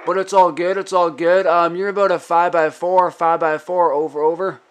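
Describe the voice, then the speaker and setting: A man with a high voice works as an amateur radio operator at an indoor radio desk, trading call signs and signal reports and repeating his phrases. His tone is level and his pace brisk, and the noisy room is full of radio hiss and static.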